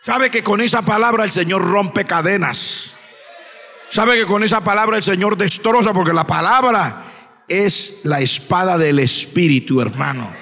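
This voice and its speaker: High, bright-voiced preacher in a reverberant church. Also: male voice, unhurried. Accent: Colombian Spanish. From Colombia. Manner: swings from quiet reading to shouted, high-pitched preaching. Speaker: pastor. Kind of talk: Pentecostal sermon. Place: church sanctuary. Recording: church hall with long reverb.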